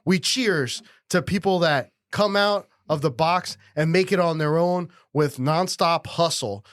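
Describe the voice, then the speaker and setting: A man hosting a business podcast, introducing a guest in an energetic, hyped-up way. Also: fairly high pitch, a little slow, no room sound, clean studio sound. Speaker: podcast host. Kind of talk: podcast intro and casual chat.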